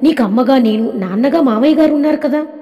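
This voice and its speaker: A woman's voice: high voice, fast, dull audio, natural voice. A woman reading the lines of a caring mother-in-law who fondly scolds her daughter-in-law and son in a storybook tale. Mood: tender. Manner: fond, coaxing scolding. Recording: long reverb.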